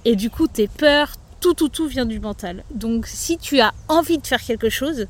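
A woman with a fairly high voice talks loosely in a podcast interview, her sentences full of fillers and restarts. She speaks as a yoga teacher explaining her practice to the host. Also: animated, normal speed. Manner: loose, chatty, many fillers.

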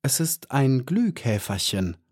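A gentle male flower elf from a fairy-tale storybook, earnest and kind , as a male narrator puts him on. He speaks patiently, his voice raised a little above the reader's usual tone. He sounds warm and serious, never mocking. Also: mid-range voice, sing-song, slow, voice pushed up.

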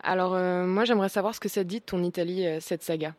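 A woman's voice: on the low side, steady tone, fast, no echo. A young woman hosting a casual radio talk show, chatting about a book and interviewing a guest, with frequent fillers and restarts.

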